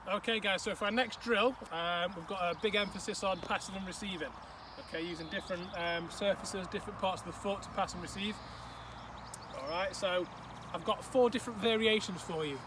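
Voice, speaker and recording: A man's voice: high voice, brisk. A man coaching a football drill outdoors, explaining and demonstrating with frequent "okay" and "all right". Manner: instructive, repeats okay and all right often. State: out of breath at times. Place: outdoor pitch. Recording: distant mic, outdoor noise.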